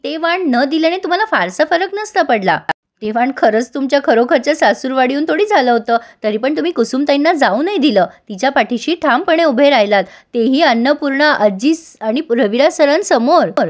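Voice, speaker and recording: Sincere, admiring young wife, high-voiced and gently persuasive, a woman reading the part. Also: expressive, fairly quick. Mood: earnest.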